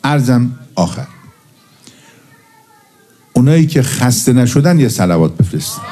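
A man's voice: medium pitch, big pitch swings, dark tone, a faint crowd, a little hiss or hum. A man preaching a religious sermon and telling jokes with a storyteller's timing. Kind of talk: religious sermon with humorous anecdotes.

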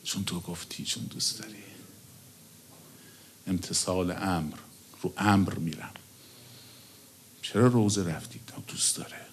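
A middle-aged male cleric preaching a sermon, emotive and often dropping to a hushed whisper. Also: low voice, long pauses, a little hiss or hum.

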